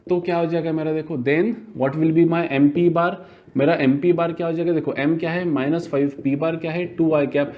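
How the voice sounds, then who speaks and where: Chatty Hindi-physics teacher. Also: male voice, on the high side, lo-fi sound. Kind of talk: classroom lecture.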